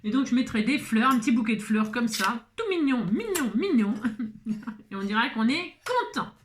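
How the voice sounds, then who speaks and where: A woman's voice: a little high, animated, moderate pace, a little hiss or hum. Chatty French woman crafting at home. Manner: chatty, self-mocking, thinks aloud with many fillers. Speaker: craft video host. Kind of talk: casual crafting demonstration.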